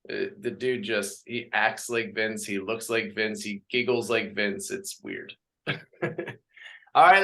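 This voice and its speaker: A man's voice: on the high side, fairly bright tone. A man coaching a group workout class, counting out reps and chatting and joking with the class between exercises. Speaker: fitness coach.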